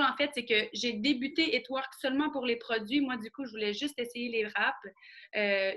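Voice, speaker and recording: A woman from Quebec with a Québécois accent, talking fast with lots of fillers while giving a training over a video call. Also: fairly high pitch, pushed and bright. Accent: Québécois French. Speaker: guest trainer. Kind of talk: casual online training talk.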